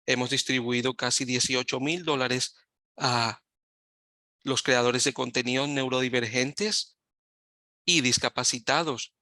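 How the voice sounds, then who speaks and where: A man giving live Spanish interpretation of a webinar over a video call, talking in halting phrases and often correcting himself mid-sentence. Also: medium pitch, steady tone, pushed and bright, no echo, studio quality. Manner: halting, with frequent self-corrections.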